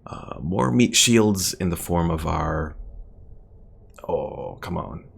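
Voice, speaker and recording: This streamer's voice sits low, creaky and expressive, and he takes it slowly as he thinks aloud through a strategy game in casual commentary. Game music plays behind him, and there's a little hiss or hum.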